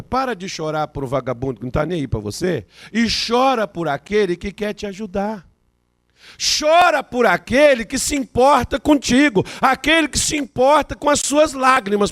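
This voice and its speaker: High-voiced preaching man, lively swings. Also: no echo, clean studio sound. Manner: alternates quiet storytelling with loud preaching peaks; acts out both sides of a counseling story. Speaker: pastor. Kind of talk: sermon.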